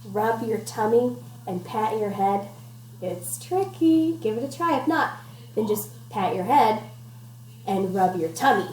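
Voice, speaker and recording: At home indoors, a woman teacher with a medium-pitched, darkish voice and lively intonation leads an interactive picture-book read-aloud a little slowly. She encourages the children with questions and instructions, and the room echoes with faint background noise.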